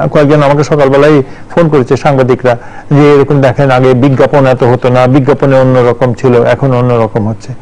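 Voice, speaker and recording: A man in his sixties gives studio commentary as a journalist and teacher. His voice carries a gravelly fry. He talks in a thoughtful, digressive way, restarting sentences and filling pauses with "um" and "ah.". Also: medium pitch, darkish tone, rough recording. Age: 60s.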